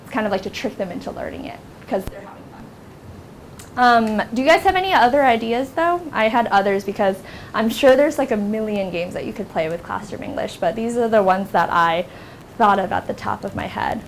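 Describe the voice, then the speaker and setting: A young woman from the United States leading a teacher workshop in a classroom, lively and acting out classroom scenes in a high teacher voice. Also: a little fast, a little hiss or hum. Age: young adult. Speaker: workshop instructor. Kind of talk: teacher training workshop talk.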